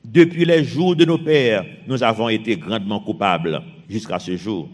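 A man from Haiti with a Haitian French accent, preaching a sermon and reading scripture, his voice rising and dropping sharply in force. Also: normal speed. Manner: fervent, rises and drops sharply in pitch and force. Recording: long hall reverb.

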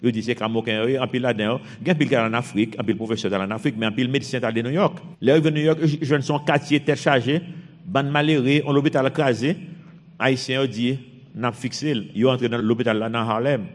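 Fervent Haitian preacher in a hall. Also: male voice, steady tone, fast. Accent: Haitian French. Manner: fervent, rises and drops sharply in pitch and force. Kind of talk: sermon with scripture reading. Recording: long hall reverb.

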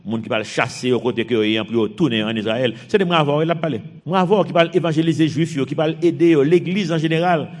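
Fervent Haitian preacher in a hall. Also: male voice, steady tone, quick pace, few pauses, a little mellow. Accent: Haitian French. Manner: fervent, rises and drops sharply in pitch and force. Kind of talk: sermon with scripture reading. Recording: long hall reverb.

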